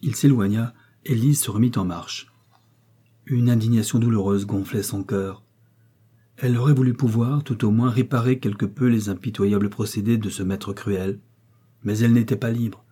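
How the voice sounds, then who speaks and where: Male audiobook narrator, low, dark and husky, measured. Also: steady tone. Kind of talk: scripted narration.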